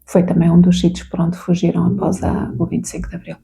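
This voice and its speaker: A woman's voice: on the low side, monotone, quick pace, creaky, mellow. A woman from Portugal with a European Portuguese accent, co-hosting a casual therapy talk and explaining with frequent tag questions. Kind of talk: casual conversation.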